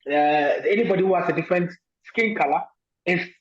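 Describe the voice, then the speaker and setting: A man from Ghana answers interview questions as a guest, thoughtful and pausing often with fillers. His voice is high, and the sound is lo-fi.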